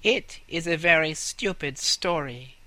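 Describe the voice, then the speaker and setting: A man voicing scornful rats in a storybook reading, high and sneering. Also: unhurried, sharp tone, no echo.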